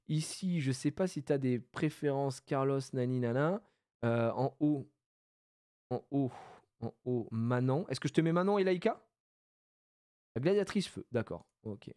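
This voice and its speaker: A French man streaming and commentating a game, chatting loosely and bursting into shouts of joy. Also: mid-range voice, no echo, studio quality. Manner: excitable, shouts with joy at big pulls; loose casual chat with fillers.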